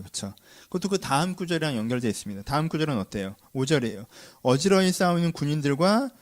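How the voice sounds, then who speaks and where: A man preaching a sermon, constantly asking his listeners questions and answering them himself. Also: medium pitch. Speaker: pastor.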